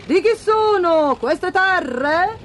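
A woman voicing a curious, easily impressed male king in a storybook reading, drawing out his words slowly. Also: very high voice, animated, fairly bright tone, slight background noise, voice pushed up, heavily acted. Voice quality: slow, drawn-out.

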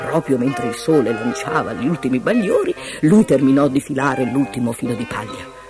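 A woman narrating a fairy tale aloud in an expressive, lilting way, with music playing behind. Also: rumbling low, moderate pace. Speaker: storyteller.

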